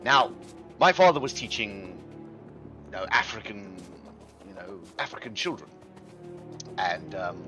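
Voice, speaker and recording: A man streaming a video game, chatting casually in a playful, theatrical, mock-gentlemanly way. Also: medium pitch. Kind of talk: casual gaming commentary.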